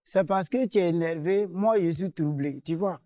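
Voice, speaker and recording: A man's voice: sits high, normal speed, mellow, dry recording, studio quality. A man explaining himself hesitantly and apologizing for a debt he has not repaid. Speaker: carpenter in a dispute. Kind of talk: defending himself on a mediation show.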